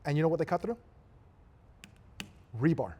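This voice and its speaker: A man's voice: on the high side, animated, normal speed, mellow, a little hiss or hum. A man, a real estate investor, talking emphatically in a casual podcast conversation, repeating his points for effect.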